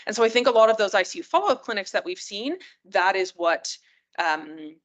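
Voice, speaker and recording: Speaking a little fast with lively intonation and a medium-pitched voice, a female critical care physician delivers a rounds lecture at the hospital. She keeps it conversational, often checks in with her audience, and her speech has many fillers and restarts.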